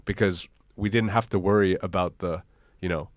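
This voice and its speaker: A man's voice: sits low, fairly even intonation, moderate pace, no echo, clean studio sound. A man from Hong Kong, a startup founder, chatting casually as a guest in a live podcast interview.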